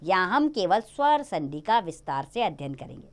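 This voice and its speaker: A woman's voice: on the low side, moderate pace. A woman teaching a grammar lesson to children, explaining rules step by step and stressing each example. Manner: lively, sing-song explaining with stressed examples.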